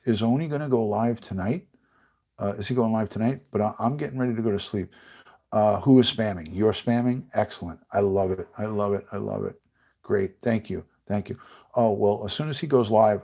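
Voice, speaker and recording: A middle-aged retired detective from the United States rambles on a livestream and reads out comments from his viewers. He has a stuffy, congested male voice on the low side, mellow and marked by vocal fry.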